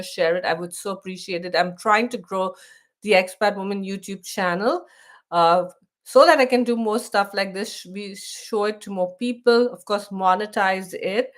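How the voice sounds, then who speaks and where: Her medium-pitched voice is a bit bright as this middle-aged Indian woman, with her Indian accent, runs a casual live stream for expats. Chatty by nature, she frequently restarts sentences and reads text out loud.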